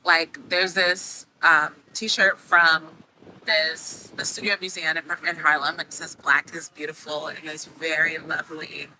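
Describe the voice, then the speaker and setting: A woman with a lower but bright, forceful voice talks in an animated way, with faint background hum. Her pitch swoops up when she makes a point. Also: measured pace, poor audio. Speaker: interviewee. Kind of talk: interview.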